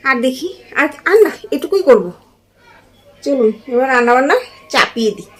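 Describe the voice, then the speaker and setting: A young woman chatting to viewers in a casual home vlog, now and then cooing to her baby as she goes about her chores. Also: high-pitched. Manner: chatty, addresses viewers directly, coos baby talk at her infant. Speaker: vlogger and young mother. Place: at home, bedroom and kitchen.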